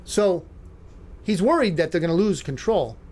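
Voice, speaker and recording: A man's voice: high voice, lively intonation, moderate pace, a little mellow. A man hosting a talk show, giving opinionated commentary with sarcastic, mocking asides and rambling restarts. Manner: rambling, with many fillers and restarts.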